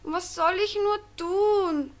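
A woman voicing a small, worried boy angel with a croaky, whiny voice in a storybook reading. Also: very high-pitched, unhurried, fairly bright tone, pitched above the performer's own voice. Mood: plaintive. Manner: whiny and plaintive.

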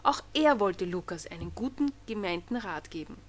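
A woman reading a Christmas storybook aloud in an expressive storytelling manner. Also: mid-range voice, moderate pace. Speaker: narrator.

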